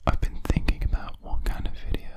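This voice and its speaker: A person whispering breathily in ASMR style, very close to the microphone with audible mouth sounds, rambling in an unhurried way. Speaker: ASMR video creator. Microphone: very close to a studio USB microphone.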